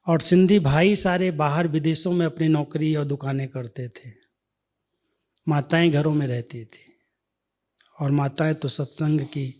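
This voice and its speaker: A man giving a devotional talk, telling a spiritual life story in a measured way that sometimes drops to a near-whisper. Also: on the high side, a little mellow. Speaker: spiritual speaker.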